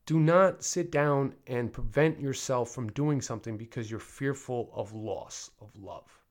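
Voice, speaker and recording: Candid rambling man in his thirties. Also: medium pitch. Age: 30s. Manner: candid, rambling, frequent fillers and self-corrections. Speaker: podcast host. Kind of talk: casual personal monologue.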